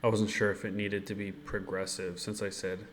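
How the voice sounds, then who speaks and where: A man practising Japanese as a learner, thinking aloud and speaking haltingly when he tries the language. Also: on the low side, level tone.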